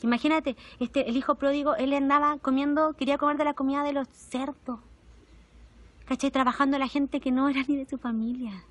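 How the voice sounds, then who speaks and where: This young adult woman speaks with a Chilean Spanish accent and a high voice. She delivers an intimate, emotional testimonial sermon, shifting between soft and animated moments.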